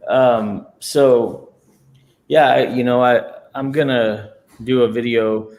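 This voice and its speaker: A man hosting a casual livestream chat from his new home, relaxed and rambling, with lots of fillers. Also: medium pitch, takes it slowly. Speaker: livestream host.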